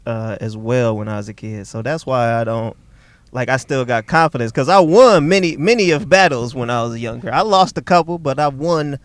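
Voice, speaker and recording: Young male comic from Detroit, mid-pitched, smooth resonant voice; loose profane storyteller chatting in a car. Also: normal speed, dry recording. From Detroit, Michigan. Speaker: stand-up comedian, guest. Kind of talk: casual storytelling chat. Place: inside a parked car.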